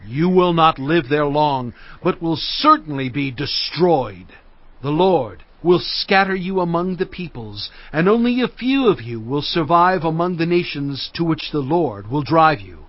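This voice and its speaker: An actor playing Moses, a solemn, fervent prophet exhorting his people in grave, measured, emphatic oratory for a dramatized scripture recording. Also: fairly high pitch, dry recording, lo-fi sound. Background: cinematic music.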